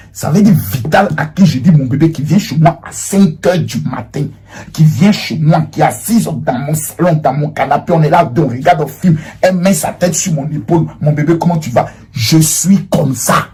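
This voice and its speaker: A man giving an impassioned, accusatory monologue, swinging between loud outbursts and hushed lines. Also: on the high side. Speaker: public figure answering a former protégée.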